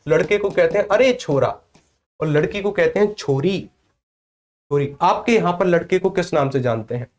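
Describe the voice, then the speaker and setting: A man's voice: high-pitched, fairly quick, darkish tone. Question-and-answer Hindi teacher, man. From Vrindavan area, northern India. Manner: asks the class questions and answers them himself, repeating key points. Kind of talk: exam coaching class.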